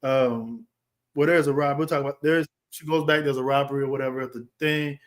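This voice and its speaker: A man hosting a live stream, giving an animated, exasperated film review, talking in bursts with many restarts. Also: medium pitch, brisk. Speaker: livestream host reviewing a film. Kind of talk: casual live reaction commentary.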